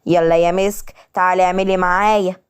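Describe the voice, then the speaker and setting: A woman's voice: lowish voice, level tone, quick pace, clean tone, natural voice. A woman voicing a motherly older aunt who fusses and scolds, with an Egyptian accent. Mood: doting. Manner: scolding, doting.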